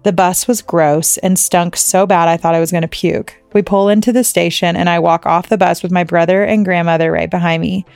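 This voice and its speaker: A woman's voice: fairly low pitch, steady tone, brisk, vocal fry, hardly any pauses, a little mellow, dry recording, faint music behind. A woman co-hosting a podcast, telling stories in casual chat with lots of "like" and free swearing. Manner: chatty storyteller, swears freely, lots of "like". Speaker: podcast co-host.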